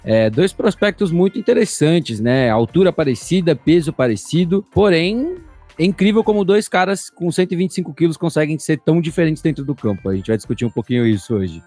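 A man's voice: a little high, animated, a little fast, warm tone, no room sound, soft background music. Brazilian man co-hosting, close dry sound. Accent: Brazilian Portuguese. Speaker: podcast co-host. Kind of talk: casual sports podcast chat.

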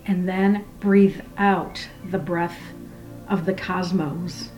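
A woman with a fairly low voice guides a meditation at a very slow, unhurried pace. Her delivery is soft, hushed and soothing, sinking toward a whisper as phrases trail off. Faint music plays behind her. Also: fairly even intonation, rough recording.

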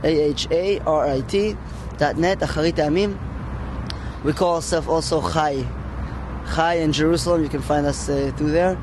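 A man from Israel, a band member, chats in an animated and loose way, tripping over his own restarts. His voice sits a bit high for a man. Traffic and street noise run clearly behind him. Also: normal speed. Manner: animated, chatty, restarts often. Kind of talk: casual interview chat.

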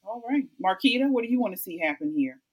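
A woman's voice: mid-range voice, animated, quick pace, a little mellow, breathy edge, rough recording. A woman hosting a panel debate, direct and pressing guests with repeated questions. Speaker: host, debate moderator. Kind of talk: moderating a panel discussion.

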